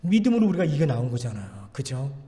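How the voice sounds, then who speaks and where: A man's voice: mid-range voice, big pitch swings, quick pace, warm tone, in a large hall. A man preaching a sermon as pastor in a church, urging and repeating exhortations with strong emphasis. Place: church sanctuary.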